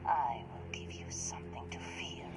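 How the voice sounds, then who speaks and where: An actress playing a cold, ruthless young huntress in a video game cutscene, delivering threats. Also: female voice, rumbling low, lively intonation, normal speed, in a whisper. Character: young woman hunter, cold and ruthless daughter.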